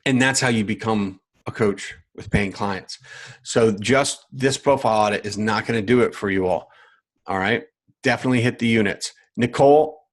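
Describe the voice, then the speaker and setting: A man who coaches other coaches, teaching live online from a screen share, with emphatic repetition and frequent check-ins with viewers. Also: lowish voice. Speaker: business coach.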